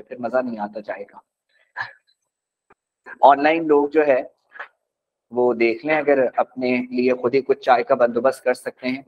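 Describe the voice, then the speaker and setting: A man teaching a class as a language teacher, patiently repeating words slowly for his students. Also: medium pitch. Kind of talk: classroom lesson. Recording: dull lo-fi recording.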